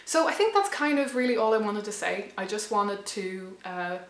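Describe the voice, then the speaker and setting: A woman of about thirty speaks in a thoughtful, halting way and often circles back on herself. Her voice sounds a little hoarse and worn, pitched at a middling height. The recording carries a noticeable room echo. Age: late 20s to 30. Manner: thoughtful, hesitant, many restarts and fillers. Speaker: channel host. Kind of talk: reflective personal vlog.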